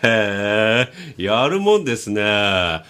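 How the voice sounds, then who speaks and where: A man doing comedic banter with an AI assistant, firing off rough, exasperated retorts. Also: fairly low pitch, very animated, slow pace, bright, forceful tone.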